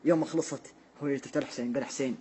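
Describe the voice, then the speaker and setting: A man with a Bedouin Gulf Arabic accent telling stories informally to listeners in a rough, husky voice, acting out the dialogue as he goes. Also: on the high side, animated, racing, slight background noise. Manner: informal, acts out dialogue of characters. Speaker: storyteller speaking to an audience. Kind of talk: animated colloquial storytelling.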